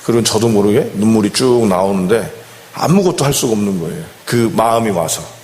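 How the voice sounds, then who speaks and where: A man's voice: on the low side, lively intonation, brisk, a little mellow, a little hiss or hum. Man preaching in a reverberant church. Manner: conversational, keeps asking the congregation questions. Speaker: senior pastor. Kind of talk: sermon. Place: church sanctuary. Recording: long church hall reverb.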